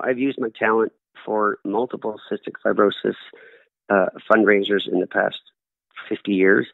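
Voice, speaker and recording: This creaky, lowish voice belongs to a middle-aged man from Canada who answers interview questions conversationally, telling earnest stories and performing the quoted lines. There's no echo; the sound is dry and tinny, like a phone call.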